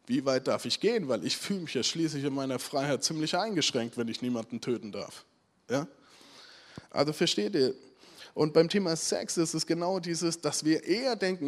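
Man giving a chatty sermon. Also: fairly high pitch. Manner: rhetorical questions, frequent "right?" check-ins. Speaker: preacher. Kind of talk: conversational sermon.

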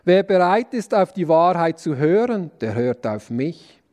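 A man reading the replies of a calm, dignified prophet in a Bible story, low and soft. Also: measured pace. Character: calm, dignified man claiming a heavenly kingdom.

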